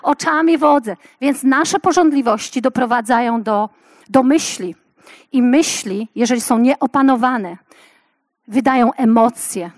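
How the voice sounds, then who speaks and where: A woman in her fifties preaching a passionate sermon to women, swinging from loud exclamations to hushed storytelling. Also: on the high side, a little slow, no room sound.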